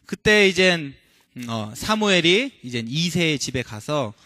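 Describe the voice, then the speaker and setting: A man preaching a sermon, with a voice a bit higher than most men's. He talks to the congregation conversationally, posing questions and slowing down to stress quoted verses. The sound is dry and close. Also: sing-song, pushed and bright, no echo. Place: church.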